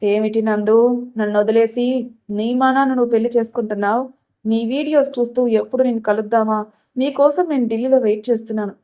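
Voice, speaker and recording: A woman's voice: on the high side, fairly even intonation, fairly quick, dark tone, natural voice. A woman voicing a sly young man who taunts and threatens. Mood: mocking. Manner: mocking, smooth threats.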